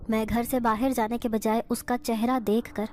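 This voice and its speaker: Woman storyteller, emotional first-person horror narration, slightly high voice. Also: level tone, a little mellow, slight background noise.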